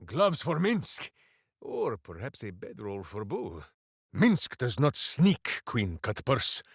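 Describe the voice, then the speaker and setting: Voicing a dim but big-hearted warrior hero in a video game, a man speaks slowly in a medium-pitched, breathy voice with huge swings in pitch, referring to himself in the third person. His lines are boisterous, theatrical and exaggerated, yet earnest and simple-hearted. The recording is clean studio audio with no echo.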